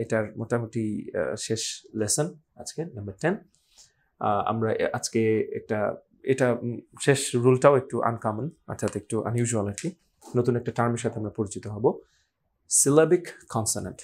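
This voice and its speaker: A man explains pronunciation rules in a relaxed, conversational way. He sprinkles English words through his explanations and checks in often with "right?". When he gives examples, he slows down and says each word carefully. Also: medium pitch, husky. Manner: conversational, frequent "right?" check-ins and filler "ah". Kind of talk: explanatory online lesson.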